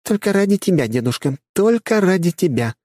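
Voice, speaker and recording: A man's voice: sits high, sing-song, brisk, warm tone, no echo, clean studio sound, voice pushed up. A man voicing a haughty young noblewoman in an audiobook, speaking lazily and with disdain. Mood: bored. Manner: lazy, bored and disdainful. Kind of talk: audiobook character voice.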